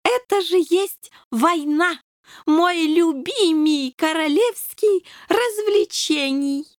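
A woman's voice: very high voice, slow pace, dry recording, clean studio sound, voice pushed up. A woman voicing a pompous, bored male doberman king who speaks drawling, broken Russian with a foreign accent. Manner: drawling, sentimental.

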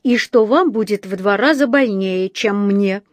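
A woman's voice: mid-range voice, unhurried, dry recording, natural voice. A woman voicing a polite, earnest young bear cub who talks in an innocent, matter-of-fact way, in a storybook reading.

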